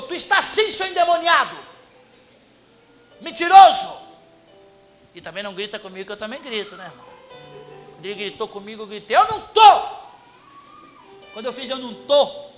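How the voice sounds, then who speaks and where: Brazilian male pastor, high bright voice, comic animated sermon storyteller, light music underneath. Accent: Brazilian Portuguese. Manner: comic, animated, acts out shouted quotes. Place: church congregation hall.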